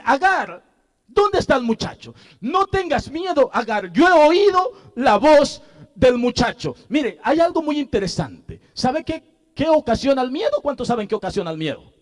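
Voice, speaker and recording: A male pastor preaching a sermon, asking the congregation questions and repeating verses. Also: extremely high pitch. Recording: long hall reverb.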